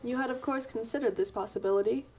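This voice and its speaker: A woman's voice: fairly high pitch, fast talker, a little mellow, slight background noise, lightly acted. A woman voicing formal, odd-spoken unseen beings. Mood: calm formal.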